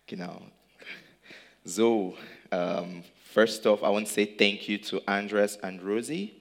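A man from Nigeria preaches slowly, in short phrases with pauses, in a fairly low voice. He waits after each line so it can be interpreted. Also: creaky. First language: not German. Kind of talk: sermon in English with live interpretation.

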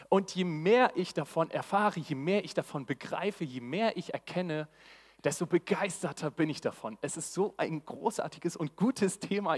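A man preaching a live sermon to a church audience, eager and exclamatory in his delivery. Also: fairly high pitch. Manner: enthusiastic, exclamatory. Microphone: handheld mic. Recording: long hall reverb.

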